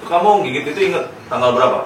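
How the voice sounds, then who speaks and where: A man speaking at an average pitch, gently coaching a patient in simple words and then talking the family through the case in a calm, explaining way. He sounds well away from the mic, in a very echoey room with a faint hiss behind him. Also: rapid-fire, distant mic. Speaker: therapist at a clinic. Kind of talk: clinical consultation with a patient and family.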